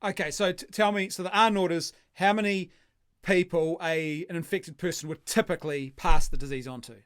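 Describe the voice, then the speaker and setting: A New man hosts a casual online show with a smooth, clear voice pitched a little high. He chats easily, laughs at himself and restarts sentences as he goes. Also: fairly even intonation, a little fast. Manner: chatty, self-deprecating, stumbles and restarts. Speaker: host. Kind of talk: casual interview chat.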